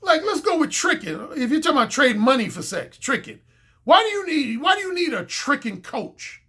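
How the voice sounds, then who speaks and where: A man's voice: very high-pitched, sing-song, moderate pace, pushed and bright. A man giving a casual, opinionated video monologue as a dating coach, confident and blunt, repeating points for emphasis.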